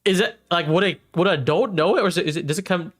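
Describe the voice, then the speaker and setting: He's a man in his thirties with a high, slightly bright voice that races along as he trades futures on a livestream. His talk is casual and full of stammers, repeated words, and frequent laughter.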